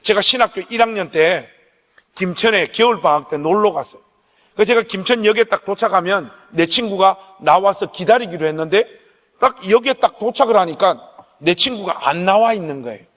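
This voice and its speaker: A middle-aged pastor with a Gyeongsang Korean accent delivers a storytelling sermon, his voice pitched notably high. He talks straight to the pews in a lively, animated way. A long reverb from the church sanctuary trails every phrase. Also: brisk. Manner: animated storyteller, addresses the congregation directly.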